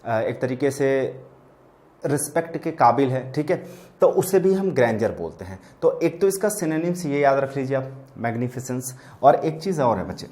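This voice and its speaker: A man's voice: medium pitch, sing-song, moderate pace, darkish tone. A man teaching a vocabulary lesson to exam students, explaining patiently and checking in with them often. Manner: explains patiently, addresses students as children, repeats "theek hai".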